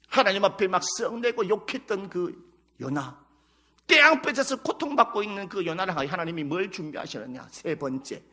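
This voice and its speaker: A man's voice: high-pitched, sharp tone. A male pastor preaching a sermon in a Chungcheong Korean accent, emphatic, breaking into dramatic acted prayers and quotes.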